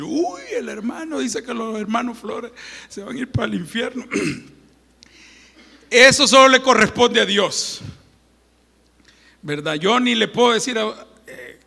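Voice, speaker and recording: A male preacher giving a joking Sunday sermon and reading scripture, swinging from loud proclamations to hushed asides. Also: high voice, creaky, breathy edge. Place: church sanctuary. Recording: long church-hall reverb.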